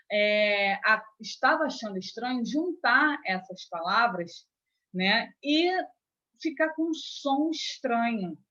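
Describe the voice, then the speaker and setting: Brazilian female teacher, patient step-by-step explainer, slightly high pitch, dull lo-fi sound. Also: fairly bright tone. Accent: Brazilian Portuguese. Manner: explains step by step with frequent check-ins. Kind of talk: grammar lesson. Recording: dull lo-fi recording.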